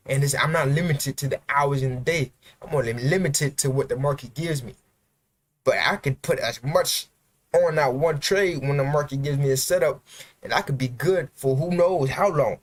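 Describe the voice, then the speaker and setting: A man hosting a livestream, giving a blunt, profane motivational rant about self-investment and working for himself. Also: medium pitch.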